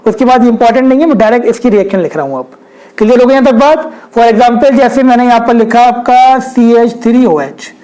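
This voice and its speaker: This young chemistry teacher lectures at a whiteboard with an extremely high, mellow voice and a brisk pace. He frequently asks rhetorical questions and speaks straight to his class. The recording quality is low.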